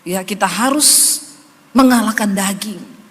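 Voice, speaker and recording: A woman's voice: medium pitch, a little slow. A woman pastor, preaching emphatically and conversationally to her congregation in a church hall. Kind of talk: sermon.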